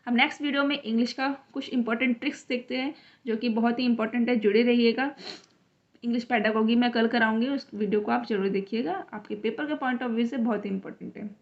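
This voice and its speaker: A woman with a high voice teaches an online exam-prep lesson, walking through each question step by step. She reads the English question text out slowly and then explains it. The recording sounds dull and lo-fi. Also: steady tone. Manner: explains step by step, mixes English terms into Hindi.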